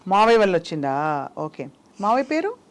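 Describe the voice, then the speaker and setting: A woman's voice: medium pitch, big pitch swings, moderate pace. A young woman hosting an interview, coaxing and teasing a small child with short questions in a Telugu accent. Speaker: interview host.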